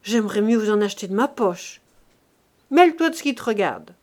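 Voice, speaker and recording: A woman's voice: medium pitch, expressive, a little fast, darkish tone, close to an everyday voice. A woman reading the lines of a stingy old man who gives curt, dismissive orders. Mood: stern. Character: stingy old male miser, curt and commanding.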